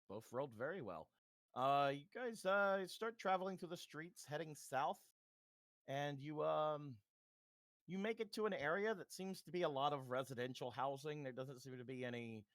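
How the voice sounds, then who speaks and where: Brief: laid-back game master narrating, animated voice, dry mic. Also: male voice, medium pitch, dry recording. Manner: relaxed, halting with fillers.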